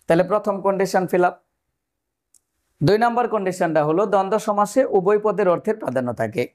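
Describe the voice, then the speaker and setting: Male tutor, fairly high voice, methodical exam-prep explainer who quizzes viewers. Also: a little mellow. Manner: explains step by step, asks the viewers questions. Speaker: teacher. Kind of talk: exam-prep grammar lesson.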